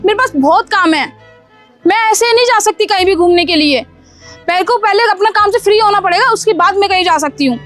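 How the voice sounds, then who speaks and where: A woman's voice: very high-pitched, a bit bright. A woman voicing a scheming young wife in a cartoon story, bossy and dismissive, full of excuses, with faint music behind her. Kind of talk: Hindi cartoon story dubbing.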